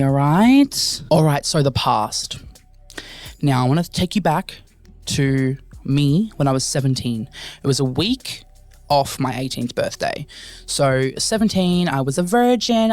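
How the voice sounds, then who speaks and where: A man's voice: medium pitch, dry recording. A young man hosting a casual solo podcast, rambling and joking at his own expense as he talks straight to his listeners. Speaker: podcast host.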